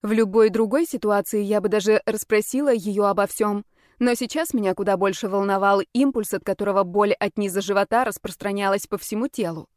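A woman reading a first-person novel aloud at a steady, measured pace. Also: medium pitch, no echo, clean studio sound. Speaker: audiobook narrator.

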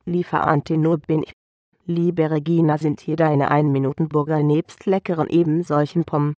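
A man's voice: fairly high pitch, flat delivery, normal speed, darkish tone, no echo, lo-fi sound, lightly acted. A man voicing a chirpy alien delivery girl. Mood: polite. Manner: broken, scrambled word order. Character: cheerful female alien delivery pilot.

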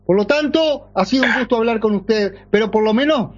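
A man's voice: high voice, a little fast. A middle-aged man with a Uruguayan Spanish accent, hosting a radio show in casual talk, ironic and full of rhetorical questions. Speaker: radio host. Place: radio studio. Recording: dull AM radio broadcast.

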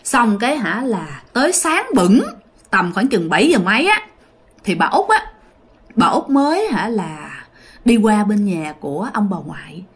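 A woman's voice: mid-range voice, sing-song, measured pace, a little hiss or hum. A woman with a Southern Vietnamese accent telling a ghost story in a casual, chatty way, talking directly to her listeners.

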